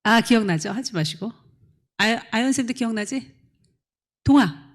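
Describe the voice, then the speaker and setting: A woman's voice: fairly high pitch, moderate pace. A middle-aged woman pastor preaching to young adults, acting out quotes and calling on listeners by name. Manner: animated, acts out quotes, questions listeners by name. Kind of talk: lively sermon to a young adult congregation.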